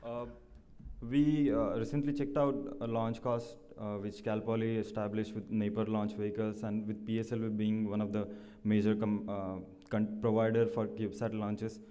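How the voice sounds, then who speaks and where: A man presenting a startup, answering questions at a pitch competition in halting, explanatory, slightly non-standard English. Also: flat delivery, warm tone. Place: large conference hall. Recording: echoey hall, long reverb.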